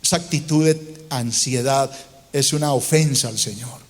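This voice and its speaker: A man's voice: mid-range voice, normal speed. A man preaching a fervent sermon with a Colombian Spanish accent, in a church auditorium, mocking complainers in put-on voices between points. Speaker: pastor. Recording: long reverb of a church auditorium.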